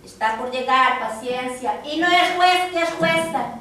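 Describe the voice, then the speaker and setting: A woman's voice: high voice, measured pace, sharp tone, heavily acted. A woman on an amateur stage playing a flustered male court clerk who keeps trying to soothe everyone. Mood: wry. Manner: soothing, fussy, repetitive. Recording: echoey stage from far off, noisy.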